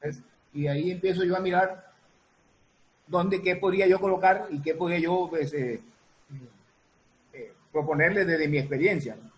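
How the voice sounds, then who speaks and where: Heard over poor audio, a high-voiced man describes his job as a music producer and sound designer while being interviewed. It's casual and halting, with plenty of repeats and reworded thoughts.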